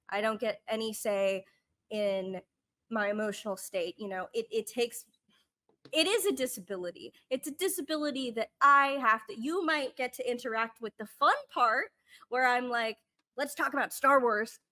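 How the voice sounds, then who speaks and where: A woman speaks candidly as a podcast guest, rambling earnestly and often restarting, with sudden jumps in pitch and loudness.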